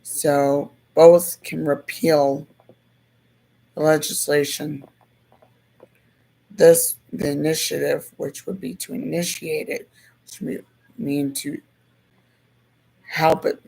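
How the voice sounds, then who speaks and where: A hoarse presenter with a gravelly, rough voice talks through a civics topic at an unhurried pace. The delivery stays flat and even, going back over each point in a casual, thoughtful way. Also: medium pitch, low-quality recording. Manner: slow, thoughtful, repeats points. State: hoarse, losing voice.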